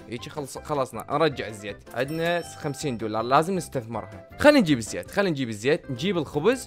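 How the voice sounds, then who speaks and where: Young dude doing game commentary, rapid fire, kinda high voice, cocky and joking with viewers. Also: male voice, fairly bright tone. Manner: playful, swaggering, talks straight to viewers. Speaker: gaming YouTuber. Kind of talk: casual gameplay commentary.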